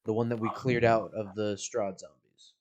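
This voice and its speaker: A man's voice: on the low side, steady tone, moderate pace, crowd noise. A man playing a tabletop game, speaking bluntly and curtly in character. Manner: blunt, curt. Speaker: player. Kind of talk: casual tabletop play.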